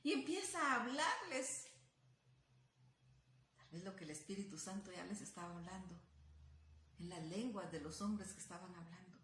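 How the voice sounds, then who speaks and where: A woman's voice: on the low side, expressive, moderate pace, pauses often, fairly bright tone, slight background noise. A woman preaching a sermon in Spanish, retelling scripture with dramatic questions and rising emphasis. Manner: storytelling, dramatizes the disciples' questions. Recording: echoey room.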